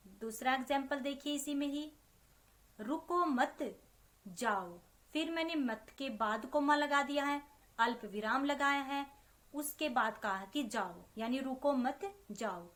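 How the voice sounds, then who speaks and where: A woman teacher speaks slowly and patiently to young pupils, going over each example again and again. Her voice sits a little high and sounds bright and clear. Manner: slow, patient explaining to children, repeating examples. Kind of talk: recorded online class lesson.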